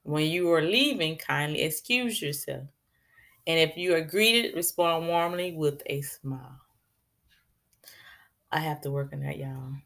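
A woman giving casual advice on politeness, with a low-set voice and a gravelly fry running through it. She talks in a chatty, preachy way and often turns aside to address her listeners directly. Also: a little slow, pauses often, fairly bright tone. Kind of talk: casual talk on etiquette.

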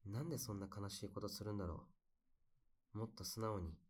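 A man acts out a lovelorn young man in an intimate pillow-talk audio drama. His voice sits low. He confides softly and casually, with a wistful, regretful tenderness. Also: brisk, lightly acted. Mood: aching, confiding. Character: heartbroken young man confiding about lost love.

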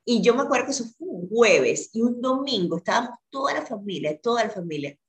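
A woman's voice: fairly high pitch, lively intonation, fairly quick. A woman who is a guest in an interview, telling a personal story in an earnest way and often repeating words for emphasis.

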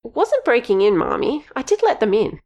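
A woman's voice: on the high side, huge pitch swings, brisk, a little mellow, highs cut off, pitched above the performer's own voice, full character voice. A woman reading an audiobook, voicing an anxious young girl who sounds small and nervous.

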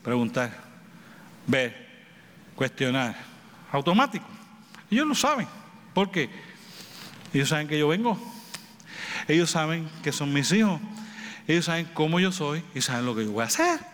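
Dad preaching a sermon, kinda high voice, lots of repeating and asking the crowd stuff, echoey hall w/ a little noise. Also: male voice, sing-song, moderate pace, pauses often, fairly bright tone. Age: adult with children. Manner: preaching with repetition and rhetorical questions, swinging from raised to low. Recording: reverberant hall with faint background noise.

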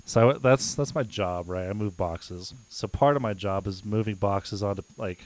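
A man's voice: lowish voice, normal speed, darkish tone, no room sound, low-quality recording. A young man co-hosting a podcast, telling a story in a laid-back, rambling way and chuckling between lines. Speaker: podcast co-host. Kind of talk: casual chat, telling a story.

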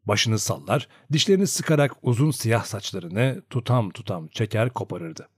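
A man reading a novel aloud as narrator, in an expressive, dramatic storytelling manner. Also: lowish voice, moderate pace, breathy edge, dry recording, studio quality. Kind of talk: audiobook narration.

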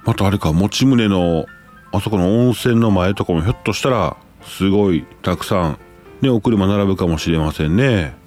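A man's voice: low-pitched, normal speed, darkish tone, faint music behind. A man with a Kansai accent, hosting a casual live stream, reading listener messages aloud and exclaiming often as he reacts.

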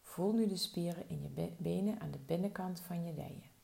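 Her voice is low and mellow with a thick, gravelly fry as she softly and soothingly leads a slow body-relaxation session. Each instruction is given time to settle before the next.

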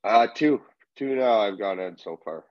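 A man's voice: lowish voice, lively intonation, moderate pace, no echo. Young man on a lo-fi video call. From Canada. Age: young adult. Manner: easygoing, brief agreeable replies. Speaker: hockey player guest. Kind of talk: casual interview chat. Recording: dull lo-fi video call audio.

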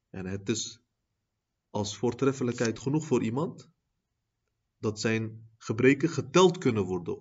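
A man gives a religious lesson in a husky, breathy voice, his talk sprinkled with Arabic phrases and frequent checks of "zie je?". He climbs to loud, high-pitched emphasis when he drives a point home. The recording is dull and muffled. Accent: Dutch. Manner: peppers speech with Arabic phrases and repeated "zie je?". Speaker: religious teacher. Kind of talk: lecture on a classical book.

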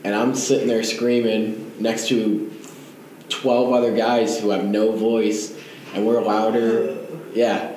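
A young man with a hoarse edge tells an animated, rambling story in casual chat. He sounds like he is in a very echoey room. A faint hiss sits under his voice. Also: on the low side, slow. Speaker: college wrestling teammate.

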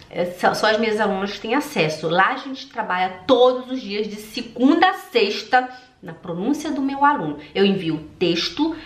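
A woman, a German teacher giving a casual video lesson and repeating drill words slowly and emphatically. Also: mid-range voice. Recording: echoey room.

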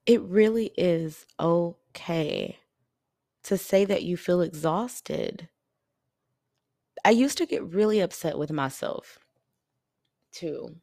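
A woman hosting a solo podcast, talking in an earnest, confiding way with soft laughs, tired. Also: on the low side, animated, slow, gravelly, pauses often, no room sound, studio quality. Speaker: podcast host. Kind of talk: reflective solo podcast talk.

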